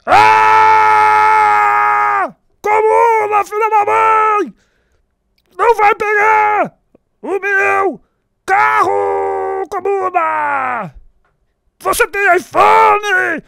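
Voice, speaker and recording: A childish green brute rages in short, broken third-person phrases, as a man puts him on. The voice is raspy and sharp-edged, set in a dry, close sound. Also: very high voice, big pitch swings, extremely slow, no echo, pitched above the performer's own voice, exaggerated voice. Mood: raging. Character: angry hulking green male brute, childish.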